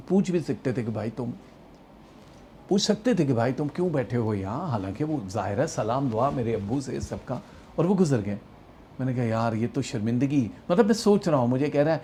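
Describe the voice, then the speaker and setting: A man telling a long personal spiritual story in a monologue, acting out the quoted dialogue with growing emotion. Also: a little hiss or hum. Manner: animated storyteller, acts out quoted dialogue, rising emotional pitch.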